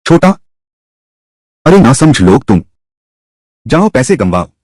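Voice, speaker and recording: A man dubbing a historical costume drama, voicing many characters in a lively, shifting way. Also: mid-range voice, measured pace, no echo, studio quality. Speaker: dubbing narrator voicing all roles. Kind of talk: Hindi dub of a historical drama.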